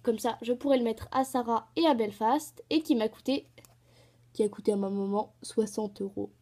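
A high-pitched teenage girl talks in a casual show-and-tell vlog, her voice mellow rather than bright. She rambles and gushes, stopping often with hesitations and little fillers. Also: moderate pace. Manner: chatty and rambling, full of "voilà" and hesitations; excited, gushing. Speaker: horse-riding vlogger.

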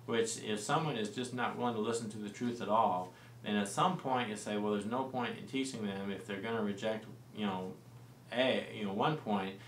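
A man in his forties explaining early church history in a studio discussion, relaxed and full of fillers and restarts. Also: lowish voice, normal speed. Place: small studio set with lamp and plants. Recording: roomy and distant-sounding with faint noise.

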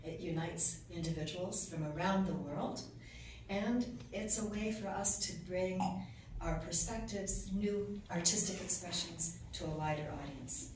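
A woman with a lowish, slightly mellow voice accepts an award at a podium, speaking at a measured pace. The ornate reception room echoes, and because her podium mic is recorded from a distance, the sound is noisy and far from the camera.

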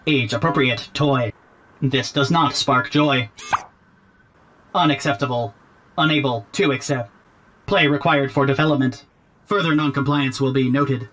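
A performer voicing a literal-minded, demanding robot baby in a video game, speaking in a robot voice with flat, clipped machine phrasing. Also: mid-range voice, a little slow, long pauses, a little hiss or hum. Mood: deadpan robotic. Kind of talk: video game character dialogue.

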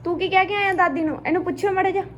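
A woman's voice: very high voice, steady tone, racing, muffled recording. A young woman with a Punjabi accent chatting casually while cooking for a home vlog. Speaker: family vlogger. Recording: noisy home kitchen recording.

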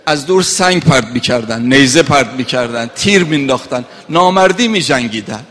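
A man's voice: mid-range voice, lively intonation, fairly bright tone, in a large hall. A man giving a mourning sermon, reciting Arabic passages and rising to impassioned cries. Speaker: cleric.

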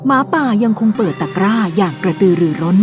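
A woman telling a children's fairy tale at a quick pace in a bright storytelling manner. Loud music sits clearly under her voice. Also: mid-range voice, lively intonation. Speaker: narrator. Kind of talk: storybook narration.

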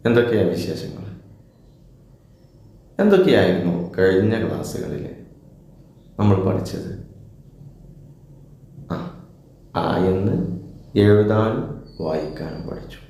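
Man, children's teacher, slow and patient, mellow voice, strong room echo. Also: deep voice, very animated, creaky, slight background noise. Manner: patient, asks questions and answers them himself. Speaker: Arabic letters teacher for children. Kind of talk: children's lesson. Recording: very echoey room.

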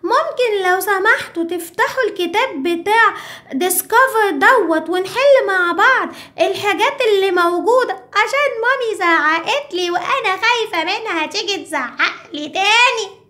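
A woman's voice: very high-pitched, lively intonation, moderate pace, bright, forceful tone, heavily acted. A woman with an Egyptian Arabic accent voicing a cheeky, chatty little girl who talks to the children as her friends while teaching an English lesson. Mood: playful.

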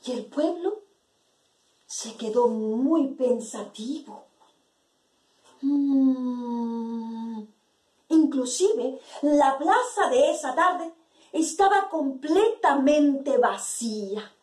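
A woman telling a folk tale in a lively, playful way, with asides to her listeners. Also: high-pitched, slow, far from the mic. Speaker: storyteller. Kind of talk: storytelling for listeners. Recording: roomy sound from away from the mic.

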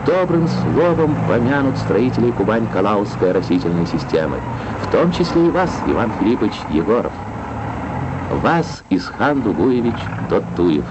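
A man's voice: fairly low pitch, sing-song, moderate pace, heavy background noise. A man narrating a scripted Soviet newsreel in a declamatory, solemn announcer's manner. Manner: declamatory, lyrical, solemn phrasing. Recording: dull 1960s film soundtrack, loud music.

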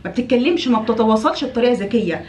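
A brisk, fairly high-pitched woman with an Egyptian Arabic accent coaching women on relationships. She talks quickly and directly, stacks repeated phrases and slips into dramatic impressions. The room around her is echoey. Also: a little hiss or hum. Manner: animated, acts out quoted wives with big pitch jumps. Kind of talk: advice talk to women.

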